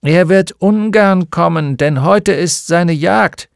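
A man's voice: high voice, gravelly, dry recording, studio quality, pitched above the performer's own voice, full character voice. A man doing a frail old man on crutches. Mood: warning. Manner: slow, warning, questioning.

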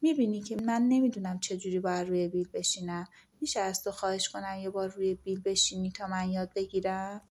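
Brave young hero in a storybook, clever and firm, a bit higher pitched as a woman reads him. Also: steady tone, darkish tone, close to an everyday voice. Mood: feigned innocence. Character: brave clever young man, a fisherman's son. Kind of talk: audiobook storytelling.

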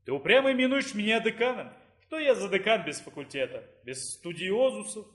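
A man reading the part of a weary, stubborn male dean of a dark faculty in an audiobook, grumbling and bitter. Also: sits high, big pitch swings, brisk. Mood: resentful.

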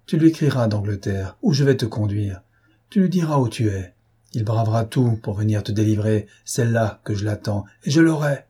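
A man's voice: lowish voice, expressive, moderate pace, mellow, husky. A man reading an audiobook aloud, voicing a ferocious male bandit chief who threatens and taunts in a raised, harsh voice. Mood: menacing.

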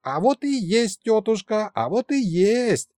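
A man's voice: high-pitched, big pitch swings, unhurried, a little mellow, no echo, clean studio sound, pitched above the performer's own voice. A man voicing a young female kikimora who chatters eagerly and boasts. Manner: rattling, eager.

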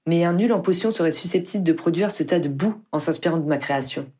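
A reader voicing a proud, condescending young woman expert in potions, husky-toned. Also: mid-range voice, quick pace, a little mellow, lightly acted. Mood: disdainful. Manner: condescending, touchy.

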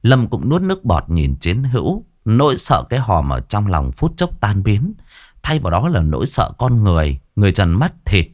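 Lively storyteller, man. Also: on the low side, moderate pace. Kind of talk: scripted horror story narration.

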